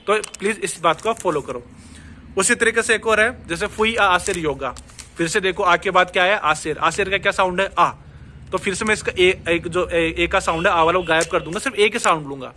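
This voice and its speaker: A man's voice: high voice, brisk, bright, forceful tone, a little hiss or hum. A man teaching Spanish pronunciation in an online lesson, explaining step by step and answering his own questions. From India.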